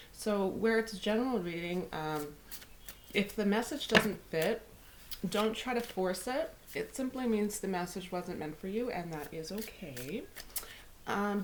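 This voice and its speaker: Hosting a weekly tarot card reading, a woman talks it through softly and unhurriedly, adding whispered invocations. She has a head cold, a slightly raspy throat and a mid-range voice, and there is background noise.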